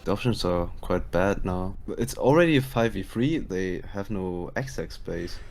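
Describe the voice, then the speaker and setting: A man co-analysing a competitive shooter match in casual commentary, measured and tactical. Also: deep voice, lively intonation, gravelly, darkish tone, soft background music. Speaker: esports analyst.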